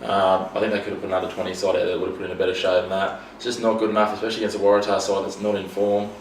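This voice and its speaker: A man's voice: deep voice, completely flat delivery. A man hosting a casual sports chat, laid-back and fond of saying mate. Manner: quick, laid-back, says mate a lot. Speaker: sports podcast host. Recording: roomy, distant mic, faint noise.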